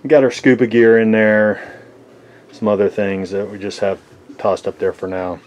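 Male boat owner, low voice, halting casual tour narration, camera mic in a small cabin. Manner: relaxed, halting with frequent fillers. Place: inside a sailboat cabin. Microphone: handheld camera mic, speaker off camera.

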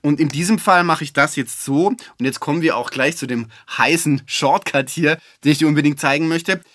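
A man giving a relaxed, chatty music-software tutorial, with fillers and self-corrections. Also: on the high side, a little fast, no echo, studio quality. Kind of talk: screen-recorded software tutorial.

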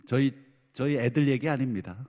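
A middle-aged man preaching a Sunday sermon as senior pastor, lively and dramatizing the voices of parents and children. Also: medium pitch, normal speed. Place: church sanctuary. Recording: long hall reverb.

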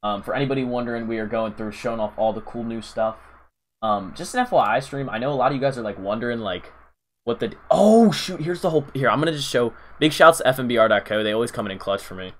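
A young male streamer chatting loosely to his viewers in a medium-pitched voice. He rambles, restarts, and peppers his talk with fillers and slang while he reads comments aloud. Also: expressive, fast. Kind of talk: casual live-stream chat.

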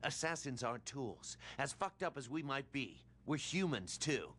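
A defiant male assassin from a video game cutscene, voiced by an actor. He speaks bluntly and swears, in a mid-pitched voice. A faint hum runs under the game audio. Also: sing-song, normal speed, natural voice.

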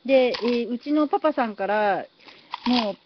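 A woman's voice: on the high side, moderate pace. A woman live-streaming from her phone, chatting casually and thanking viewers for their comments as she builds. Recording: slightly dull phone stream audio, faint noise.

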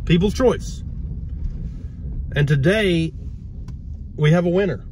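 A man's voice: on the high side, slow pace, darkish tone. A man in his thirties co-hosting a casual, jokey chat from a parked car, filmed on a phone at arm's length. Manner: jokey, upbeat, rambling. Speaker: co-host. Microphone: phone camera at arm's length. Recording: noisy car interior.

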